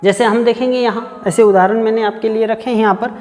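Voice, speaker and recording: A man teaching a Hindi grammar lesson for exam preparation. He repeats the sounds aloud, slowly and many times. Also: high voice, steady tone, a little mellow, long reverb tail, soft background music. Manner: slow, repetitive, drills sounds aloud.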